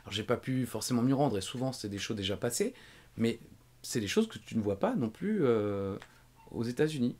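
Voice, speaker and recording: A man's voice: medium pitch, animated, a little fast, a little mellow. Man, podcast host, casual chat, rambling anecdotes, self-mocking.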